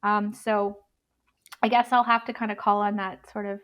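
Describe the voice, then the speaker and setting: A Canadian woman in her thirties, a bagpiper chatting as an interview guest, halting with many restarts. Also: medium pitch, flat delivery, fairly bright tone. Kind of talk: casual interview chat.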